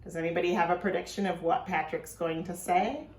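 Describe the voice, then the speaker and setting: Her voice fairly low, steady, and brisk, a woman elementary teacher delivers an informal video message and read-aloud for her pupils. She speaks to the children directly and poses questions to them, all in an echoey room.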